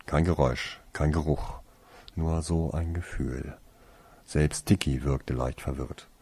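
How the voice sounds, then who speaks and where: Deep, husky man reading a story slowly. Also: fairly even intonation, warm tone, dry recording. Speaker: narrator. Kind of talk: scripted story narration.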